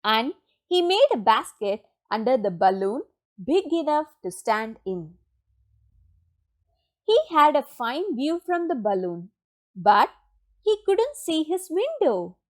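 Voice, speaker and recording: A woman reading a children's picture book aloud in an expressive, deliberate storytelling manner with dramatic pauses. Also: high voice. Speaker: storybook reader.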